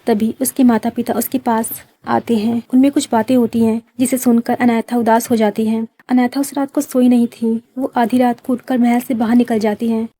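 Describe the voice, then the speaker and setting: Fairly high, level woman storyteller. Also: dark tone, breathy edge. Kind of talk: audio story narration.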